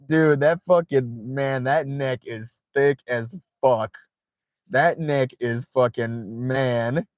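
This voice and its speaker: Slow, laid-back man streaming from his car. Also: medium pitch, fairly even intonation, no room sound. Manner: reads viewer chat aloud, swears freely, laughs often. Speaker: livestream host. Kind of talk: casual late-night livestream chat. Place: inside his parked car.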